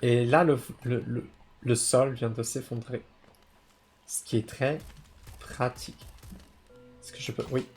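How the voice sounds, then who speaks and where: A man's voice: mid-range voice, steady tone, unhurried, long pauses, a little mellow, a little hiss or hum. A man playing a video game while chatting casually and stopping to explain words for language learners, often correcting himself. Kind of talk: casual gameplay commentary for learners.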